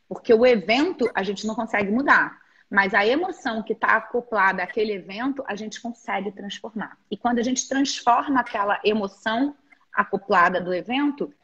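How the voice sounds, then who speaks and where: A woman in her forties with a Brazilian accent and a slightly high, husky voice. She speaks as a guest therapist on a live stream, explaining earnestly with frequent restarts. The sound is dull and muffled. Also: fairly bright tone. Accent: Brazilian Portuguese. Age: 40s. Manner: earnest, halting, with many restarts and quoted inner speech. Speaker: guest therapist and teacher of energetic alignment.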